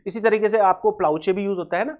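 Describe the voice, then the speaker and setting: A man's voice: high voice, quick pace, darkish tone. A man teaches an exam-prep English class in a video lecture. He mixes Hindi with English terms and walks through each point step by step. He keeps repeating the key words and spells them out letter by letter.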